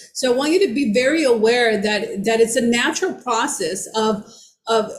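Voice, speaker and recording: A woman co-teaching a brain-training class, speaking reflectively with many pauses and restarts. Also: fairly high pitch. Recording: roomy echo with faint background noise.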